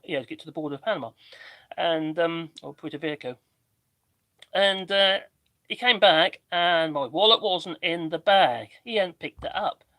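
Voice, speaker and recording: A man with a slightly mixed Norfolk English accent and a squeaky voice, chatting casually and ramblingly as he hosts a livestream. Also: a bit bright, dry recording. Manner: rambling, chatty, self-interrupting. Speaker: livestream host doing DIY work.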